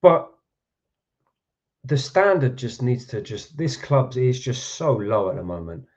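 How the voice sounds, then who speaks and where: Man, football reaction host, angry rant, lots of swearing, dark tone, dull lo-fi sound. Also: medium pitch, sing-song, unhurried. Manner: swearing, ranting, fired up. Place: home.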